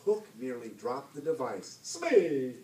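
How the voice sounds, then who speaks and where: Animated man reading aloud in a bookstore. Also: on the high side, normal speed. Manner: animated dramatic narration. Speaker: author. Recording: roomy, distant mic, faint hiss.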